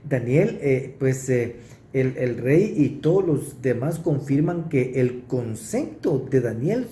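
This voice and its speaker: A man preaching, teaching through a Bible passage verse by verse and pausing to stress what he reads. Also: medium pitch, sing-song, warm tone, slight background noise. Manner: explanatory, pauses to stress verses. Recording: roomy echo.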